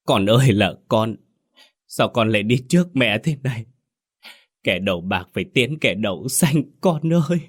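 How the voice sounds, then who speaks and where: A man's voice: lowish voice, lively intonation, moderate pace, slightly rough, pitched above the performer's own voice. A man voicing an old mother who laments her dead son through tears. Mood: lamenting. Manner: lamenting, tearful.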